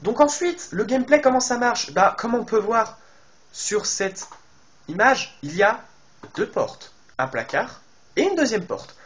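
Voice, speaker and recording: A man's voice: high-pitched, big pitch swings, unhurried, a bit bright. A man casually commenting on a game trailer, addressing his viewers and thinking aloud with lots of fillers and restarts. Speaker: video game YouTuber.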